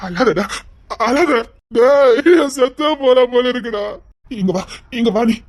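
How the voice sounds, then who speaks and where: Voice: mid-range voice, expressive, takes it slowly. A performer playing a grown brother, desperate and tearful, pleading again and again to bring his sister home, with a Tirunelveli Tamil accent. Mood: frantic. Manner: pleading, tearful, repeats himself. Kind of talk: emotional web-series acting.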